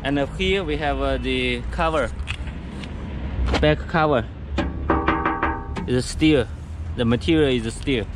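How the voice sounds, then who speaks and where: A man giving a product walkthrough of a go kart outdoors, speaking halting English with many fillers and restarts. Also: mid-range voice, music in the background. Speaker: factory sales rep showing a go kart. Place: outdoors beside go karts on pavement. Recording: outdoor camera audio with background noise.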